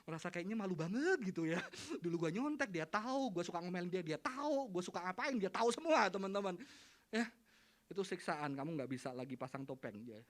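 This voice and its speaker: A man's voice: high-pitched, brisk. A middle-aged male preacher giving a youth sermon, joking, laughing and acting out dialogue as he tells stories. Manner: animated, jokey, acts out dialogue, laughs often.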